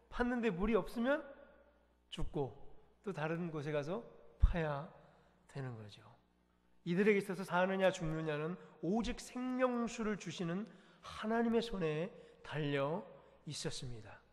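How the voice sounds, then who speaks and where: A male pastor preaching a sermon in a lively way, asking the congregation questions as he goes. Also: a little high. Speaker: senior pastor. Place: church sanctuary. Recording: church hall with long reverb.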